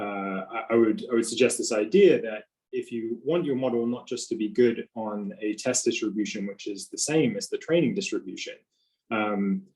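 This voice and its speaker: Male lecturer on a tablet video call, low voice, hesitant. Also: a little mellow, low-quality recording. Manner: hesitant, many fillers and restarts. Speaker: invited speaker.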